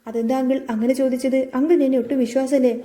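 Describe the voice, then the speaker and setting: Woman reading worried young man, pleading; high, mellow delivery. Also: fairly even intonation, racing, lightly acted. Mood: anxious. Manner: anxious, pleading.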